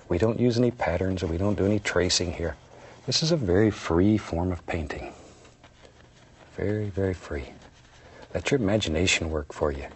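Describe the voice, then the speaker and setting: A man teaching painting as he works, talking in a gentle, soothing, folksy and encouraging way, like a kindly instructor. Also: low voice, a little hiss or hum. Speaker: painting instructor and show host. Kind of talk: unscripted painting demonstration, talking while working.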